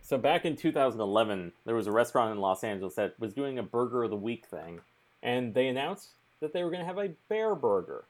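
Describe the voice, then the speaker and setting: A man's voice: medium pitch, big pitch swings, fast. A man co-hosting a casual podcast chat, joking in a wry, dry way. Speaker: podcast co-host.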